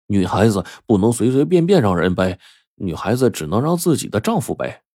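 A man's voice: deep voice, lively intonation, moderate pace, a little mellow, no room sound, clean studio sound. A man voicing a poor, timid young farmhand who stammers and pleads in a told story. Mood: flustered.

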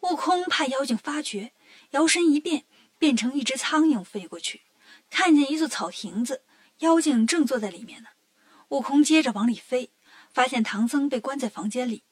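Lively woman reading a children's story. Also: high-pitched, moderate pace, no echo. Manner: lively, expressive.

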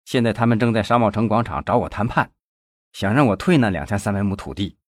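A man's voice: medium pitch, sing-song, normal speed, gravelly, breathy edge, dry recording, studio quality, pitched above the performer's own voice, full character voice. A man voicing a panicky, whining young male nephew in an audiobook, talking breathlessly and in a rush. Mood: panicked.

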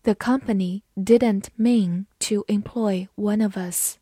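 A woman teaching English vocabulary, saying each word twice and then listing its meanings in a measured reading. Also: mid-range voice, fairly even intonation, mellow, no room sound, clean studio sound.

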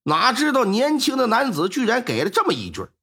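A male storyteller, telling a folk crime tale in a colloquial, lively way. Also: very high voice, brisk, creaky, husky. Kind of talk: storytelling performance.

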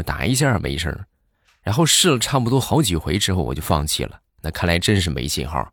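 A man's voice: low voice, dry recording, clean studio sound. A married man telling comic everyday stories in a chatty monologue, stretching his filler sounds and acting out other people's lines. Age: adult, married. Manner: chatty, drawn-out filler particles, acts out voices. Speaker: comedian.

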